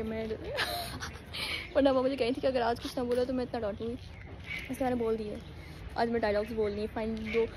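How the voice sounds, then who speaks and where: A young woman, a university student, chatting casually and rambling in a giggly way for her vlog. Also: on the high side. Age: young adult. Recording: crowd and noise behind.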